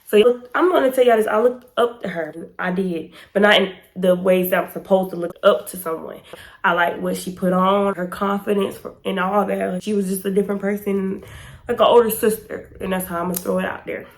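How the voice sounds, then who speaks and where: Pollen has made this young American woman's voice stuffy and slightly hoarse as she chats to camera in her storytime vlog. She's in her 20s, slangy and emphatic, speaking fairly quickly at a medium pitch with fairly even intonation.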